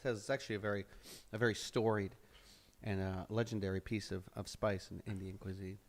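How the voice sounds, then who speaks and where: A man's voice: lowish voice, fairly even intonation, a little fast. A man from the United States co-hosting a casual chat show while eating hot peppers, chatty and often trailing off mid-sentence. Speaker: co-host.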